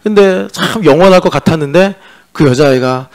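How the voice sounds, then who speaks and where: A male pastor delivers a sermon in a church sanctuary. He talks in a loose, conversational way, joking with and teasing his congregation. His voice sits somewhat higher than is usual for a man. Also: moderate pace. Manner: mixes in sung-style English lyric lines.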